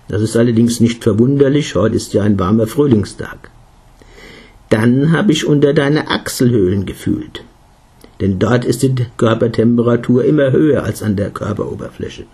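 A man voicing a husky, calm old guru. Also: mid-range voice. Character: elderly Indian meditation guru, calm, caring.

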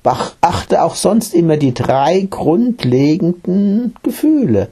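Calm male meditation teacher, read by a man, storybook, patient explaining, husky, lively pitch. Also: slow pace, exaggerated voice. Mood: gentle.

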